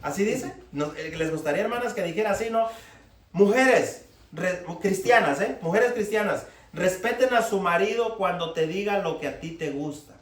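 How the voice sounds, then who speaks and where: High-voiced preacher in an echoey church. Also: male voice, expressive, moderate pace. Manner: preachy, rhetorical questions to the congregation. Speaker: pastor. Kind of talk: sermon. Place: church hall. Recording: echoey room, mic far off, faint noise.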